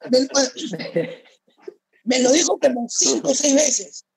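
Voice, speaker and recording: An ex-footballer tells a story in a very high, husky voice. He is relaxed and casual, and his talk is full of filler words. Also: slow, no echo, low-quality recording. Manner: relaxed, heavy use of fillers. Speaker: former footballer guest.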